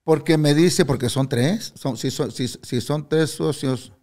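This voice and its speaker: A man's voice: on the high side, a little slow, dark tone. An older man, a guest in an interview, telling stories bluntly and candidly, swearing freely and acting out what others said. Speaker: guest musician. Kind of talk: casual interview storytelling.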